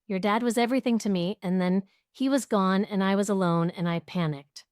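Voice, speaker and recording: A woman's voice: medium pitch, fairly quick, darkish tone, clean tone, no room sound, natural voice. A woman voicing a desperate, broken middle-aged stepmother who begs through tears, in a dry recording. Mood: pleading, tearful. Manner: begging, tearful.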